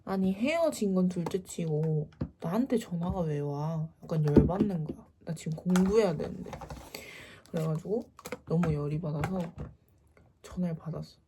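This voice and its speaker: A woman's voice: lowish voice, moderate pace, heavy background noise. A young woman casually telling a personal story, acting out the quoted lines with animation.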